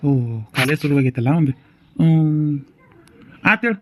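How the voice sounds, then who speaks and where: A man's voice: a little high, animated, close to an everyday voice. A man voicing a middle-aged village farmer talking plainly with his wife, in a North Karnataka Kannada accent. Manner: brisk, matter-of-fact. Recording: dull lo-fi recording.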